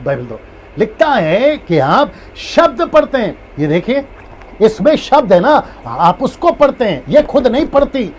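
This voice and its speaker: Unhurried and very high-voiced, this pastor teaches a Bible lesson over a live stream against slight background noise. He comes back to his key points again and again, bringing them to life with acted tones.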